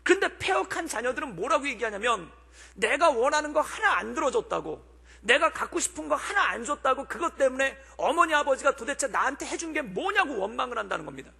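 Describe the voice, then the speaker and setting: A man's voice: very high voice, big pitch swings, fairly quick, creaky, bright, forceful tone, husky. A male pastor delivering a sermon with earnest preaching and frequent rhetorical questions. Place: church sanctuary. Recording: long church hall reverb.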